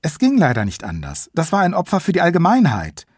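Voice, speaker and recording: A man reading his own audiobook in the calm voice of a guilty, earnest young boy. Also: a little high, brisk, husky, no echo, studio quality, pitched above the performer's own voice, full character voice.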